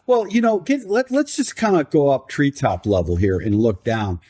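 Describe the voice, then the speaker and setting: A man's voice: mid-range voice, lively intonation, moderate pace, dark tone, breathy edge. A man co-hosting a sports podcast, ranting emphatically and sarcastically. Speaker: podcast co-host. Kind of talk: casual sports podcast rant.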